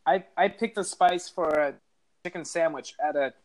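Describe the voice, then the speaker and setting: A man's voice: on the high side, normal speed. A man co-hosting a podcast over a call, telling stories in a rambling, hesitant way with lots of fillers. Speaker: podcast co-host. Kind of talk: casual chat.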